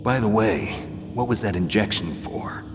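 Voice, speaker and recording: A man voicing a gruff, cynical special operations soldier in a video game, terse and sardonic. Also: on the low side, expressive, normal speed, close to an everyday voice. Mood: wry. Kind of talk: dramatic video game voice acting. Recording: long hall reverb, music behind.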